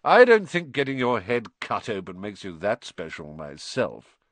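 A spiteful schoolboy bully, played by a man, sneering and smirking through every phrase. The pitch swoops widely as he mocks, in a dry audiobook recording. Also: huge pitch swings, measured pace, a bit bright, no room sound, heavily acted. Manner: scathing, mocking, smirking. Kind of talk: audiobook character voice.

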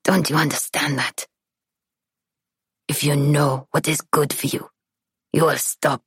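Elderly French woman, rasping, terse and grave; low, slow, done by a woman narrator. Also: flat delivery, no room sound, clean studio sound, heavily acted. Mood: ominous hushed.

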